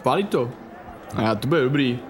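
A man's voice: mid-range voice, lively intonation, slight background noise. A young man playing a tabletop game, talking in a joking, laid-back way. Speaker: player. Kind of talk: casual game chat.

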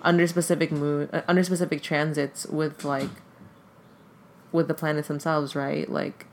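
This mid-pitched voice has a gravelly, creaky edge and barely moves in pitch, belonging to a podcast guest whose first language is Tagalog. The talk is casual and hesitant, with "like" dropped into almost every phrase, over a faint hiss of noise.

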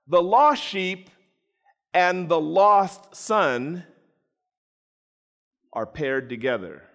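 A man preaching a storytelling sermon, animated, acting out voices and addressing listeners by name. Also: high-pitched, extremely slow. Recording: long reverb in a large hall.

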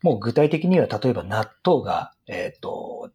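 A middle-aged man with a husky, rough voice explains business strategy in an interview in an earnest, emphatic way. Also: medium pitch, very animated, normal speed, darkish tone, a little hiss or hum. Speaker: retail business guest expert.

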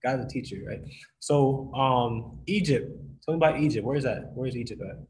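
A man's voice: medium pitch, brisk, a little mellow, poor audio. A man teaching a Bible lesson to a group in a casual way, often checking in with his listeners. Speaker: youth Bible study leader.

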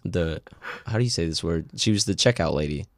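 A young man in his twenties with a low voice, telling rambling food stories in a casual podcast chat. He grows animated when he gets excited, and the close mic keeps the sound dry with no room around it. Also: fairly quick, dry recording. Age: 20s. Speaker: podcast co-host.

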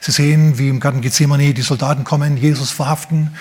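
A man's voice: on the high side, fairly even intonation, fast, a little mellow, breathy edge. A man with a German accent preaching a sermon, telling the story vividly and addressing the congregation directly.

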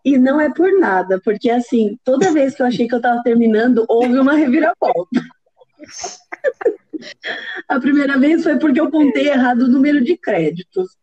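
Woman laughing at her own bad luck, soft warm voice, kinda dull sound. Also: high-pitched, lively intonation, moderate pace, slightly rough. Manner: laughing, self-mocking storyteller. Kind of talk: casual chat.

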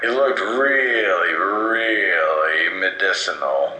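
A drunk man rambling sentimentally on a phone call, reading out inspirational quotes and halting mid-sentence. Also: low voice, roomy sound, very noisy. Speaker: comedy podcast host.

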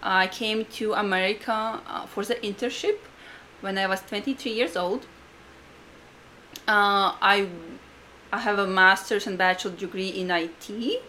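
A woman's voice: mid-range voice, pushed and bright. Latvian-accented woman podcaster, slightly noisy room tone. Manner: halting, repetitive phrasing in non-native English. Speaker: podcast co-host. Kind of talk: casual conversational podcast talk.

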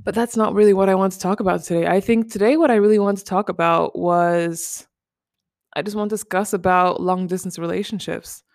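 Chatty young woman with a gravelly voice. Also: mid-range voice, fairly even intonation, a little fast, darkish tone, no echo, clean studio sound. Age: 20s. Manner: rambling, chatty, many "like" and "you know". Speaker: podcast host. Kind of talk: casual chat. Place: living room at home.

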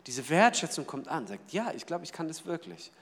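A man preaching a sermon in a lively way, asking the audience questions and acting out small everyday scenes. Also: a little high, a little fast, long reverb tail. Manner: lively, asks the audience rhetorical questions, acts out little scenes. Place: church hall.

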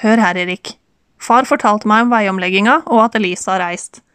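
A woman's voice: mid-range voice, a bit bright, smooth, no echo, close to an everyday voice. A woman reading the part of an insistent woman who presses a man she once loved, in an audiobook. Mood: pressing. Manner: pleading, pressing. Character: insistent, concerned woman confronting an old flame.

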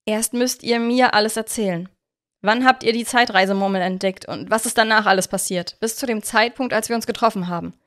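An eager young male detective with secrets, as a woman reading a storybook puts him on. He talks in a hurried, excitable rush, a fairly plain storybook voice rather than a heavy character turn. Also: mid-range voice, lightly acted.

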